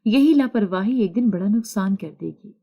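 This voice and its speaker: A woman doing a bossy, spiteful older mother-in-law in an audio story, scolding and taunting her household in a soft, mellow voice. She sounds sharp-tongued and sure of herself. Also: medium pitch, expressive, vocal fry. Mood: scheming.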